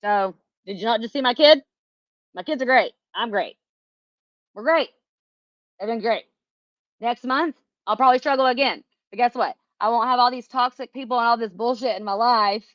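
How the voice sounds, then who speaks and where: A woman's voice: a little high, moderate pace, no echo, lo-fi sound. Frustrated woman venting with lots of swearing. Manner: frustrated, swears a lot, rambling with many fillers. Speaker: vlogger speaking to her viewers. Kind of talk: casual venting to viewers.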